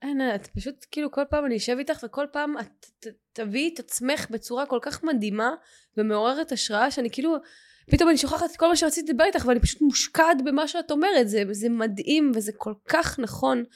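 A woman with a somewhat high voice hosts a podcast and tells a personal story. She is animated and speaks in quick bursts. She acts out quoted lines with feeling. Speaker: podcast host.

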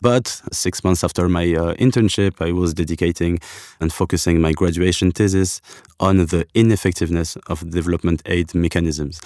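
A man from Algeria speaks in a deep, low register, weighing his words as a podcast guest. He pauses often and circles back to restart his thoughts. The sound is close and dry, with no room around it. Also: steady tone, darkish tone, no echo. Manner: thoughtful, hesitant with frequent restarts. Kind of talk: podcast interview.

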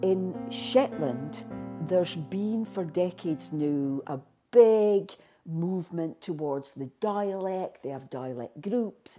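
A woman's voice: lowish voice, warm tone. A woman with a North East Scottish Doric accent, a researcher explaining emphatically in an interview. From Buckie, North East Scotland. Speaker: language researcher.

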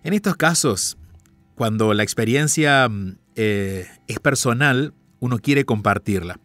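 A man hosting an advice call-in radio show, speaking in a calm, reflective and measured way. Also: mid-range voice, no echo, faint music behind. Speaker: radio host and life counselor.

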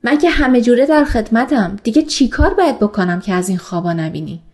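For an audiobook, a woman voices a calm, gentle male doctor who is in love, reading his lines in a soft, reassuring manner. Her voice is a little high and the acting is light.

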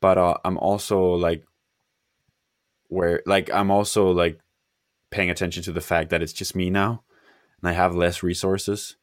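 Deep-voiced, tired man talking hesitantly. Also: flat delivery, dry recording, studio quality. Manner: hesitant, halting, trailing off. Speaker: software founder on a podcast. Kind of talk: casual conversational talk.

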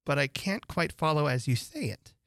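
A reader voicing a polite, puzzled young girl who answers softly and hesitantly. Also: medium pitch, big pitch swings, moderate pace, vocal fry, no room sound, studio quality. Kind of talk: audiobook character voice.

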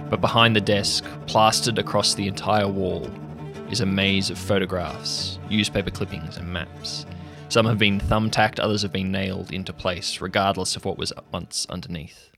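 With music running underneath, a deep-voiced man narrates a tabletop role-playing story as game master. His delivery is measured and atmospheric.

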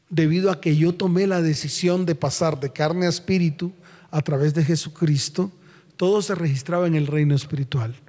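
A man's voice: high-pitched, darkish tone. A man with a Colombian accent preaching a sermon. He tells stories theatrically and with humor, and he keeps quizzing the congregation with repeated questions. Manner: theatrical and jokey storytelling. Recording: long reverb of a large hall.

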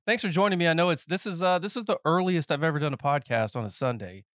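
A man's voice: fairly high pitch, fast, a bit bright, dry recording. A man in his thirties chats through a podcast interview with a congested, faintly nasal voice. He wanders off on tangents and cracks jokes as he goes. The sound is dry and close, with no room around it. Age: 30s. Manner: rambling, self-interrupting, joking. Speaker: podcast host. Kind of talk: casual interview chat. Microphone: headphones and podcast mic.

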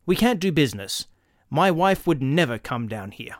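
A man's voice: on the high side, very animated, normal speed, dry recording, studio quality. A man doing a bellowing, bullying rich husband. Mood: angry bullying. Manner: gruff, barking, impatient.

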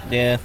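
A man co-hosting a casual watch-along chat, talking in an animated, unhurried way. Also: a little high. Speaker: podcast co-host.

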